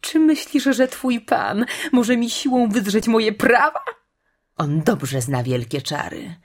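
A woman's voice: low-pitched, very animated, husky, heavily acted. A woman voicing a cruel, gloating witch queen who drawls her words and breaks into shrieks. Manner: mocking, drawn-out, sudden shrieks.

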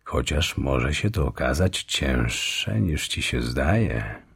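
A man reading a majestic lion king in a deep, rich, solemn voice, slow and grave. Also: lively intonation, creaky, a bit bright, breathy edge, dry recording, studio quality, full character voice.

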